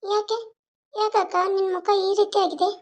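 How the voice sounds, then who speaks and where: A woman voices a caring young sister in a cartoon, her voice pitched high. She sounds concerned and keeps asking questions. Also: level tone, moderate pace, darkish tone. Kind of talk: cartoon voice acting.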